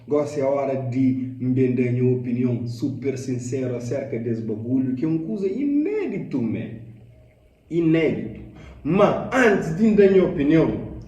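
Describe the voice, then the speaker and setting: A man's voice: medium pitch, a little slow, warm tone, roomy sound, far from the mic, highs cut off. A man giving casual, opinionated commentary on a video clip, talking loosely in slang and dropping in English phrases.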